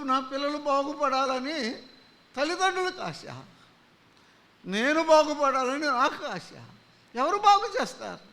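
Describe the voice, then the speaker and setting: Impassioned high-voiced man preaching. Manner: impassioned, swinging from loud pleas to hushed storytelling. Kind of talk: gospel sermon.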